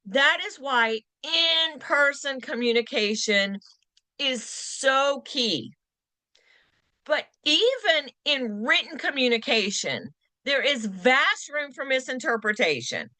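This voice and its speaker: A woman with a high, animated voice leads a real estate training session. Her tone is bright and crisp, and she dips and slows to stress key points. The recording is dry and close with little room sound. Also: dry recording. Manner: lively, acts out quoted lines in varied voices. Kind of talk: continuing education class talk.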